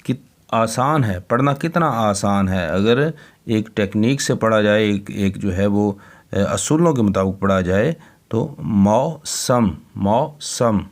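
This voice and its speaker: Slow, low-voiced teacher man. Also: lively intonation. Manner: spells words letter by letter, then repeats each word slowly. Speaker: Urdu teacher. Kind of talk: slow word-by-word dictation lesson.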